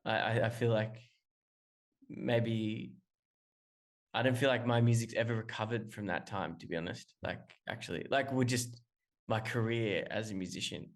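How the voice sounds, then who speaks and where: An Australian musician, calling in remotely as a guest, gives long rambling answers in a casual interview, full of restarts and fillers. His voice sits on the low side, with a steady tone and a moderate pace.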